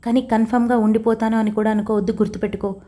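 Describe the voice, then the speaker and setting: A woman's voice: on the high side, level tone, very fast, dark tone, close to an everyday voice. A woman reading the lines of a torn, tearful young wife in an audio story, emotional and defiant. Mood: tense.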